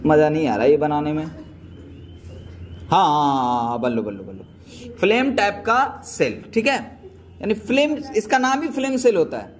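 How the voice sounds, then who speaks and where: Guy teaching biology, fairly high voice, keeps asking the class questions, faint hum behind. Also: very animated, normal speed. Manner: quizzing students with repeated questions; calls students "beta" affectionately. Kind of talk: classroom lecture.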